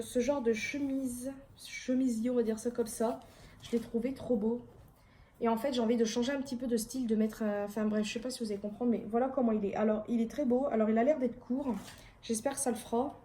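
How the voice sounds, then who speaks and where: A woman's voice: fairly high pitch, warm tone, slight background noise. A young woman chatting casually at home in a rambling, self-deprecating way, showing her haul to camera. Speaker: vlogger.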